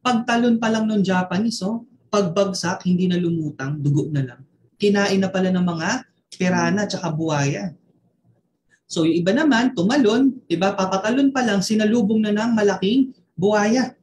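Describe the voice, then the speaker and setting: Leading a motivational online training, a Filipino-accented network marketing mentor tells a story while peppering listeners with tag questions. His voice sits high with a darkish tone and a moderate pace, and the room is echoey with a little background noise.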